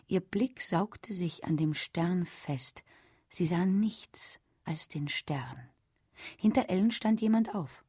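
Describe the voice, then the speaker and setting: A woman reading a literary story aloud, softly and at times almost whispering. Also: lowish voice, breathy edge, dry recording, studio quality. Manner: slow, soft, sometimes near a whisper. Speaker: reader.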